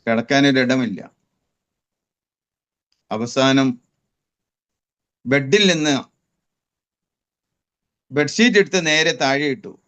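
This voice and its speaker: A man's voice: medium pitch, takes it slowly, long pauses, a bit bright. A man from Kerala giving an impassioned religious testimony, his voice climbing into fervent prayer. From Kerala, India. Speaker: testimony speaker.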